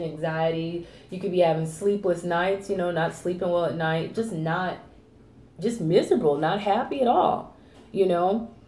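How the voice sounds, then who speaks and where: A woman giving a rambling tarot reading, repeating herself and filling pauses with fillers. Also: fairly low pitch, warm tone, roomy sound. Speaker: tarot reader.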